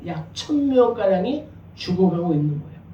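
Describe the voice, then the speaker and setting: A pastor with a high, dark-toned voice and big pitch swings preaches at a moderate pace, keeping his sermon conversational with rhetorical questions and jokes for the congregation. The lo-fi sound comes from a distance in an echoey church sanctuary.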